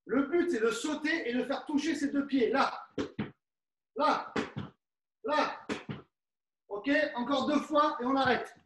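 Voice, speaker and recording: A man's voice: very high voice, slow pace, pauses often, noisy background. A middle-aged man coaching a live fencing workout class, instructive and coaxing, often adding "hein" as he demonstrates and sometimes moves away from the mic.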